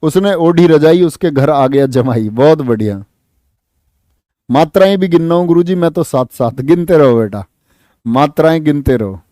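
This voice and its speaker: A man teaching an exam-prep class, lively, asking students questions and answering them himself. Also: fairly high pitch, normal speed, dry recording. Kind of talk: online exam-prep lesson.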